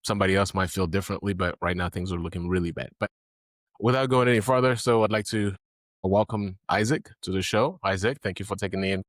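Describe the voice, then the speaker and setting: A man's voice: sits low, fast talker, no room sound, clean studio sound. A man from Haiti hosting an interview podcast, speaking in an earnest, encouraging way with many fillers. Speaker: podcast host.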